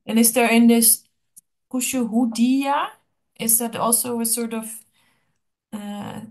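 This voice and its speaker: Female language student, hesitant and searching, slow delivery with frequent fillers. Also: fairly high pitch, fairly even intonation, darkish tone. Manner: hesitant, thinking aloud with many uh fillers. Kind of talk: one-on-one language lesson.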